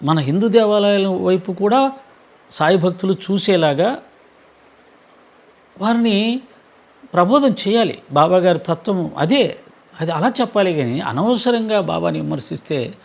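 A man speaks in an earnest devotional talk, his voice sitting somewhat high for a man. He keeps a measured, preaching cadence and breaks his sentences with pauses. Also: vocal fry. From Andhra Pradesh.

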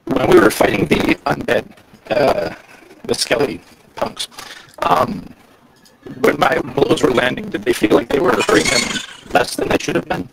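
A man's voice: fairly high pitch, wildly swooping pitch, a little slow, vocal fry, long pauses. A man playing a tabletop game, asking thoughtful questions. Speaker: player. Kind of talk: casual tabletop game chat. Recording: loud background noise.

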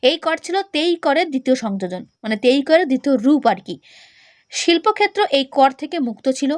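A woman's voice: high voice, sing-song, quick pace, no echo, clean studio sound. A woman teacher giving a classroom lecture. She explains each point, then quizzes the listener with repeated questions.

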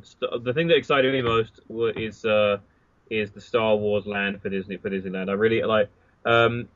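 Male podcast co-host, lowish voice, hesitant, lots of fillers, dry dull recording. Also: steady tone, moderate pace, a bit bright, dry recording. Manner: hesitant, lots of ums and likes. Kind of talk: casual chat.

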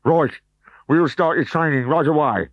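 A man reading a storybook, voicing a huge, mean male gladiator trainer in a very high, loud, snarling voice. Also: a little slow, no echo. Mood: barking. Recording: dull, dry recording.

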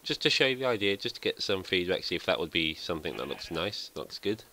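Like a let's play host chatting with viewers, a man loosely rambles through his game, thinking aloud and teasing himself. His voice is extremely deep but bright and forward, very animated and fast, with a slight hiss or hum.

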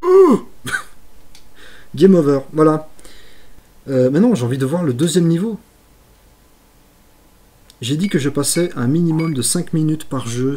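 Streaming old games, a man comments live, exclaiming at his blunders, talking to himself, and tossing in self-mocking jokes. His voice is mid-range and excitable, with a bit of hiss or hum on the recording.

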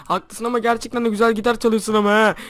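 A man playing Minecraft for his channel, chattering to his viewers in a hushed voice because it is late at night. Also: high-pitched, little pitch movement, rapid-fire. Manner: chatty, constantly addressing viewers. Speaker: gaming YouTuber. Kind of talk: Minecraft let's play with role-play.

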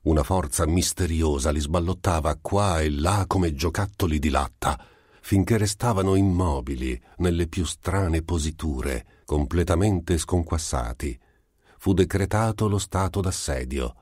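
A man reading a literary short story aloud as an audiobook, in a measured, dramatic storytelling manner. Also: low voice, a little mellow, breathy edge, no room sound, clean studio sound. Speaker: audiobook reader. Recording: amateur home recording.

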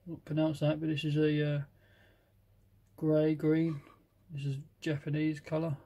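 A British man with a fairly high, monotone voice and a dark tone casually reviews a box of model paints. He reads the colour names haltingly and admits some of them are beyond his pronunciation.

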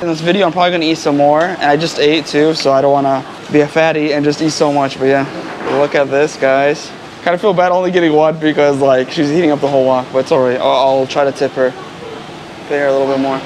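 A fast, flat-voiced American man with a somewhat high pitch vlogs casually from a busy city street, telling his viewers about local food and words. He's a travel vlogger, and traffic and street noise carry on behind him.

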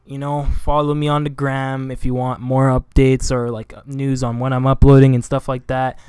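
A young man talking casually through a video game tutorial, rambling with lots of fillers and quick self-corrections, recorded on a desk microphone at home. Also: medium pitch, little pitch movement, darkish tone, clean tone, dry recording, studio quality. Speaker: gaming video creator. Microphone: desk USB microphone.

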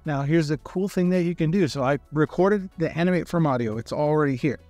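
A man calmly explaining software step by step in a screen-recorded tutorial, in a relaxed, friendly way. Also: on the high side, fairly quick, dry recording, soft background music.

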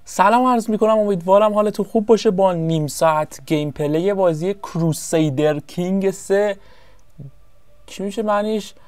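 A man giving casual, rambling commentary over his own strategy game session, often pausing to search for the right word. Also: high voice, a little mellow. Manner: chatty, rambling, searches for words. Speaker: gameplay commentator.

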